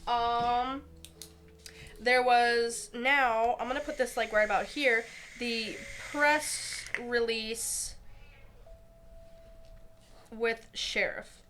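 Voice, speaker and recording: A woman's voice: on the high side, steady tone, drawn-out words, long pauses, fairly bright tone, a little hiss or hum. A congested woman streaming a mystery game, rambling with fillers and reading clues aloud. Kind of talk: casual chat and reading aloud.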